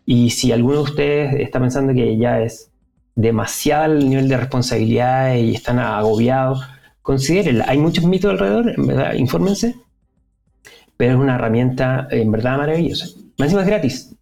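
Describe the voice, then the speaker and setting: A man with a Chilean Spanish accent chats casually as a podcast guest, full of fillers and restarts. His voice is medium-pitched, fairly quick and dark-toned with vocal fry, over soft background music.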